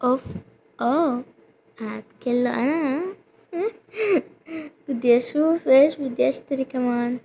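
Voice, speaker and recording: A young woman, giving excited gameplay commentary and repeating words rapidly when thrilled. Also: sits high, a little hiss or hum. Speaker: gaming vlogger.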